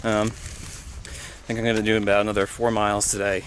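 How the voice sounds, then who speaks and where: Low-voiced young man vlogging on a trail. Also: level tone. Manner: halting, many fillers, easygoing. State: out of breath while hiking uphill. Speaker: thru-hiker vlogger. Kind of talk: casual trail vlog. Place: outdoors on a mountain trail. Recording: outdoor clip with clear background noise.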